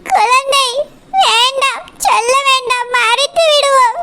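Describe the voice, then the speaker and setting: A performer voicing a gentle, self-sacrificing young woman in a cartoon, talking formally and melodramatically. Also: very high voice, steady tone, moderate pace. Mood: sorrowful. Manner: formal, melodramatic, breaks into sad song. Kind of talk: cartoon voice acting.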